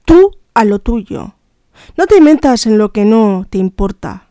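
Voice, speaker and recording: A woman's voice: medium pitch, sing-song, takes it slowly, warm tone, no echo, clean studio sound. A woman reading aloud voicing a cold, threatening male smuggler with curt, commanding orders. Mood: menacing.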